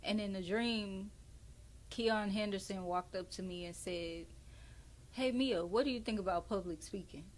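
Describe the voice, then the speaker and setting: A woman's voice: mid-range voice, a little slow, a little hiss or hum. A woman hosting a podcast, chatting casually and telling her own story expressively. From Houston area. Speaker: podcast host. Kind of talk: casual interview chat.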